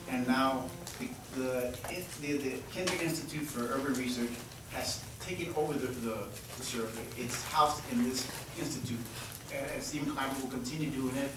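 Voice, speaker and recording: A man in his fifties from Texas, hosting and introducing a presentation to an audience in a friendly, joking way, sometimes repeating words. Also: mid-range voice. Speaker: event host and presenter. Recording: echoey hall from far off, with noise.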